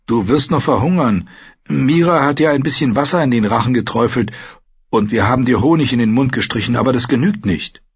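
A man's voice: mid-range voice, a little fast, breathy edge, voice pushed up. A man reading an audiobook, voicing a serious boy who speaks earnestly and admonishes. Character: serious boy, calm and knowing. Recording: dull lo-fi recording.

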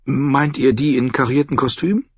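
A man's voice: medium pitch, fairly even intonation, moderate pace, breathy edge, pitched above the performer's own voice. A man voicing a shy, polite young noble girl. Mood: polite timid. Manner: polite, timid. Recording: dull, dry audiobook recording.

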